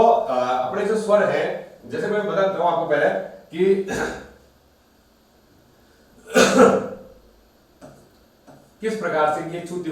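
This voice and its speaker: A man's voice: on the high side, a little mellow. A man teaching Hindi grammar in a repetitive way, asking questions aloud and answering them himself. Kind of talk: classroom-style recorded lesson. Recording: very echoey room, voice from a distance.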